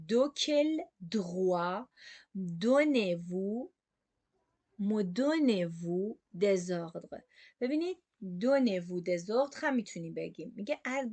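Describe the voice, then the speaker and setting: A woman teaching French, saying example phrases slowly and expressively, then explaining them quickly. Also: mid-range voice, dry recording.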